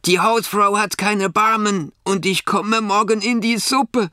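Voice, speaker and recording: Man putting on a very high, shrill rooster, strained, storybook reading. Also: fairly even intonation, unhurried, pushed and bright, clean tone, no echo, studio quality. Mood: desperate. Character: frantic rooster facing the soup pot.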